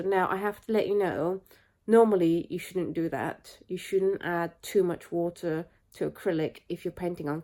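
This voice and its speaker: A woman's voice: fairly low pitch, mellow. Lady vlogging from bed with a flu, nasal stuffy voice, chatty, camera at arm's length. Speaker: artist vlogger. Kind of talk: casual talk to camera. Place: her bed, indoors. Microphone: handheld camera at arm's length.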